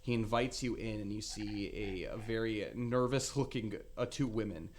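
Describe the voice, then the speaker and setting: A man narrating as game master of a tabletop game, halting with many fillers. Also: lowish voice, fairly even intonation, darkish tone, a little hiss or hum.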